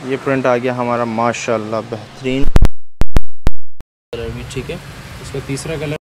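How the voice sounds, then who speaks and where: A man's voice: medium pitch, steady tone, moderate pace. Male vlog host; friendly running commentary, handheld mic in a noisy shop. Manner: chatty, frequent affirmations. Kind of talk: casual shop-tour commentary. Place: indoor fabric warehouse.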